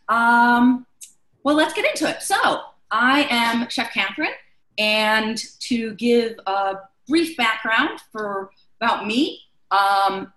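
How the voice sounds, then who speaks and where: A woman's voice: on the high side, pushed and bright, echoey room, poor audio. A woman chef instructor from Chicago leading a live online class, chatty and loose with many fillers.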